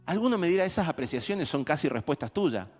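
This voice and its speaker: Male pastor, somewhat high voice, animated and chatty, echoey church hall with soft music behind. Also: quick pace. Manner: animated, acts out everyday dialogues. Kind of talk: conversational sermon.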